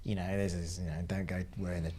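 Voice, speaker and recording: A man's voice: low voice, level tone, fast, warm tone, breathy edge. A young man co-hosting a casual chat podcast, chatty and talking over the others. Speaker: podcast co-host.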